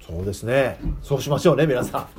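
With a medium-pitched voice, lively intonation, and a quick pace, a man preaches informally to children and keeps asking them questions. Crowd noise can be heard behind him.

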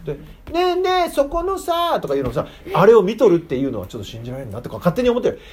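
A man's voice: mid-range voice, very animated, racing, darkish tone, husky. A man giving a casual sermon to children, chatting and asking them questions. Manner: chatty, asks the audience questions. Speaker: preacher teaching children.

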